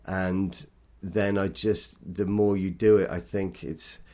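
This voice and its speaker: Guy with a really low voice, poet being interviewed, thoughtful and a bit self-deprecating. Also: flat delivery, slow pace, warm tone. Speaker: poet guest. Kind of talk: interview conversation.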